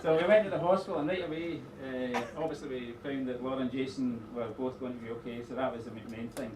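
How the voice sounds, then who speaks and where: A middle-aged man giving an informal wedding speech as father of the bride, rambling a little with pauses and dry teasing asides. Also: medium pitch, fairly even intonation. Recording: echoey room, distant mic, noisy background.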